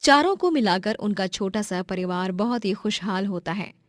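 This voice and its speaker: A woman's voice: mid-range voice, steady tone, normal speed, darkish tone, no room sound. A woman reading scripted narration as the storyteller of a moral story.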